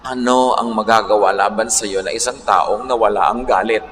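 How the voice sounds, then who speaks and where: A man pastor preaching a sermon, moving between Tagalog and English and slowing down to read scripture. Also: lowish voice, steady tone, fairly bright tone. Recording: echoey hall, faint background noise.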